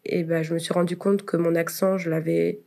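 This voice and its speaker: A young woman speaks in a slightly low voice, pausing often and restarting her sentences as she thinks aloud. Her answers are reflective and unhurried, with soft laughs between thoughts. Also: little pitch movement, creaky. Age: young adult. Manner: hesitant, many fillers and restarts, laughs softly. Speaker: interviewee.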